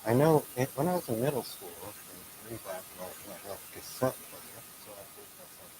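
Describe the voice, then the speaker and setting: Muffled male interview host over clear hiss. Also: mid-range voice, big pitch swings, fairly quick. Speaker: show host interviewing a guest. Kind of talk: casual interview chat.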